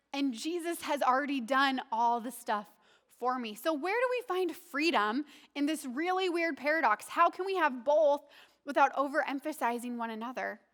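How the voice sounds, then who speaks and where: Woman pastor, high voice, earnest and conversational sermon delivery. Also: fairly bright tone. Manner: conversational, earnest, asks the congregation questions.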